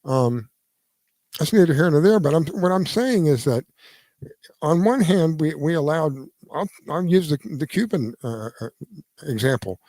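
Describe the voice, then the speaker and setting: Man, 70s, radio host, casual opinion talk; earnest, halting restarts, fairly high and animated voice. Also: no echo. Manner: lively, swings between emphatic and quiet.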